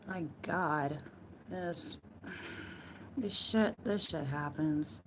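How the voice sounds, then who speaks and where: A hoarse woman with a worn-out voice chatting casually to her live-stream viewers from home, rambling loosely and swearing now and then. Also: sits low, drawn-out words, slight background noise.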